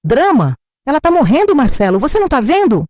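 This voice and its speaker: A woman's voice: high voice, sing-song, fairly quick, darkish tone, no room sound, clean studio sound, pitched above the performer's own voice. A woman voicing a panicked adult daughter with a Brazilian accent, frantic and pleading as she cries for help. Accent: Brazilian Portuguese.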